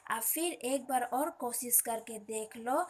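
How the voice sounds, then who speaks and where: A woman doing a sly, taunting male wolf from a children's tale. The delivery is breathy and slow. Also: on the high side. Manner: teasing, taunting.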